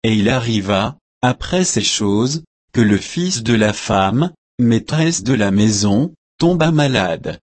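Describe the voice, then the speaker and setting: A man reading a Bible passage aloud in slow, measured short phrases. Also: medium pitch, a little mellow, no room sound. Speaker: scripture reader.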